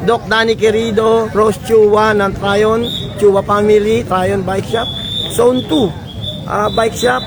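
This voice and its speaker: A man's voice: high voice, little pitch movement, measured pace, background noise. A man with a Filipino accent giving rambling, hesitant live radio commentary on a cycling race. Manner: rambling, hesitant, lists shout-outs.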